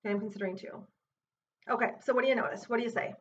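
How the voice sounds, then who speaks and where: Woman, mindfulness teacher, soft-spoken and unhurried, somewhat high voice, muffled recording. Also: fairly even intonation. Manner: gentle, unhurried, thinking aloud with many fillers and restarts. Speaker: self-compassion teacher. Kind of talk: guided exercise with her child. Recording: distant, muffled mic with faint hiss.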